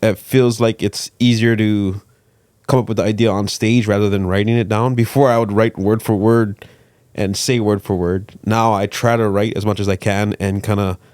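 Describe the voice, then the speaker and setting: A male comedian hosting a podcast, who talks in a halting, casual way and laughs between thoughts. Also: on the low side, little pitch movement, darkish tone, no room sound, clean studio sound.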